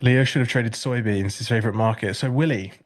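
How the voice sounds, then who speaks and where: Speaking fairly quickly at medium pitch, a congested British man runs a live trading stream. He chats in a relaxed way, reading chat and dropping dry, sarcastic jokes.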